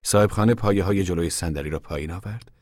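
A man narrating an audiobook in a calm, measured storytelling manner. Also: deep voice, dry recording, clean studio sound.

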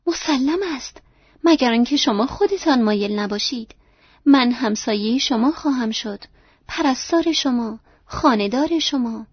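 A woman's voice: a little high, expressive, husky, no room sound. A woman voicing a devoted, tender young woman, earnest and reassuring, in a dry, dull lo-fi recording.

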